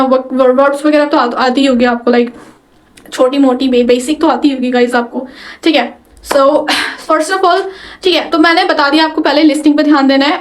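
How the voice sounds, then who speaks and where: A young woman in her twenties from Delhi with an Indian English accent, giving chatty, encouraging tips on learning English in a casual vlog and often restarting her sentences. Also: sits high. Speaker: beginner vlogger teaching spoken English. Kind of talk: casual talking-to-camera vlog.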